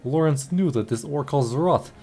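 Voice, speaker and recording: A man voicing a grieving middle-aged widow who speaks halting, broken English with odd idioms, over faint game music. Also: medium pitch, a little mellow, lightly acted. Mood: earnest.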